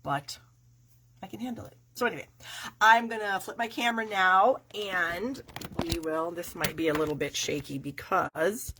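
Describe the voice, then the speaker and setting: Demonstrating stamping on her live craft video, a middle-aged woman rambles chattily to viewers with lots of fillers. Stuffy and nasal from a cold, her fairly low voice sounds pushed and bright at a moderate pace, with a little hiss or hum in the audio.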